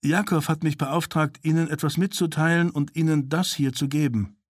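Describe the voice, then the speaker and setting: A man's voice: a little high, fairly even intonation, moderate pace, no room sound, clean studio sound, voice pushed up, natural voice. A man voicing a desperate young male agent, speaking urgently and earnestly in a raised voice.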